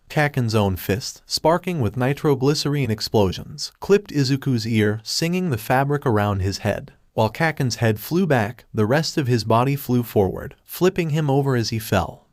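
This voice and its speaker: A man reads a fan fiction story aloud in steady, even scripted narration. His voice sits at a middle pitch and the recording is dry and close, with no room around it. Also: no room sound.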